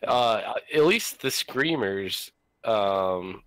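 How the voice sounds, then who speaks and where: A man's voice: on the low side, expressive, a bit bright, clean tone, dry recording. A man, a former reality show contestant, co-hosting a casual, profane chat about reality TV, with blunt, grumbling complaints. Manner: blunt, grumbling, quick asides.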